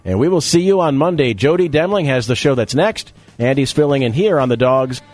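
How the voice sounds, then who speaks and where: A man's voice: medium pitch, expressive, brisk, a little mellow, faint music behind. A man hosting sports talk radio, chatting through a monologue and an ad read with wry asides. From Rochester, New York area. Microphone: studio mic.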